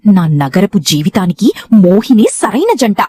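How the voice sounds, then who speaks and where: An arrogant, heartless husband, as a female narrator plays him, barking out scorn at his family. The delivery is loud and contemptuous, with a slightly husky edge and a lively, swinging pitch. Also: brisk. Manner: shouting, contemptuous. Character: arrogant, cruel middle-aged husband.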